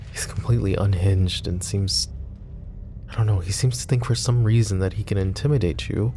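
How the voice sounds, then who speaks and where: A voice actor plays a composed, wry, protective mafia boss in an intimate roleplay audio drama. He speaks in a measured, conversational way, with a low-sitting voice and a dark tone.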